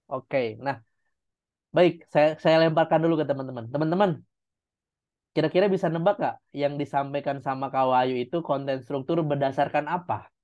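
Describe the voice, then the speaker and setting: A man's voice: on the high side, normal speed, a little mellow. A man, coaching an online public speaking class and giving encouraging feedback step by step. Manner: encouraging, explains step by step, with demonstrations. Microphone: video call. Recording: dull video call audio.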